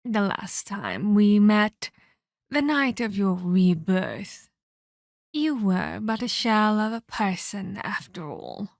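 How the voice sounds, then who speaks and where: Using a full character voice that is medium-pitched, creaky, and very animated, a woman voices a vampire captor in an ASMR roleplay. Cold and taunting, she scolds slowly and deliberately, theatrical, mock-polite, and mockingly sweet while she condescends. The recording is dry and studio quality.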